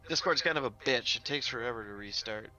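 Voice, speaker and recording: A man's voice: medium pitch, fairly quick, bright, forceful tone, lo-fi sound, soft background music. A man playing a tabletop game over a voice call, casually blunt with rules reminders. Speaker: player.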